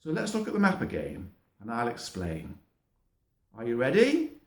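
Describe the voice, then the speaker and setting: At normal speed, a middle-aged man walks young children through a lesson, marking a map while he narrates, gentle and patient throughout. His mid-range voice swings wildly in pitch.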